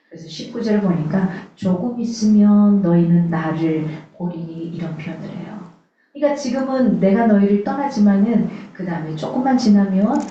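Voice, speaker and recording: A woman's voice: mid-range voice, dark tone, a little hiss or hum. A woman pastor from Suncheon, in the south of Korea, giving a sermon in an earnest, conversational way and often putting rhetorical questions to the congregation. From South Korea, Suncheon in Jeolla. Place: church sanctuary. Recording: echoey, distant, dull church recording.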